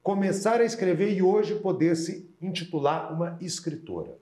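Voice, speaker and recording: A man hosts a casual interview in a somewhat high voice, stumbling and restarting as he asks his questions. His voice echoes around the room. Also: moderate pace, dark tone. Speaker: podcast host.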